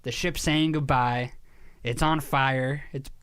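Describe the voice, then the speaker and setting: A man co-hosting a podcast in casual chat, telling a story with lively energy, swearing casually and laughing at himself. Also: mid-range voice, slow pace, clean tone. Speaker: podcast co-host.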